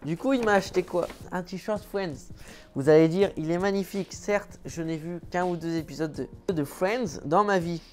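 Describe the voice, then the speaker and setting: A man's voice: high-pitched, normal speed, soft background music. Chatty joking man vlogging from home. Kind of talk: casual vlog chat. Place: at home indoors.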